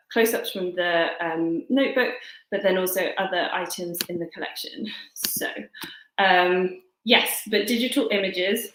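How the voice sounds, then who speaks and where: A woman giving an online seminar presentation in a halting way, with many fillers and restarts. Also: fairly low pitch, a bit bright, reverberant, rough recording. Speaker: guest lecturer.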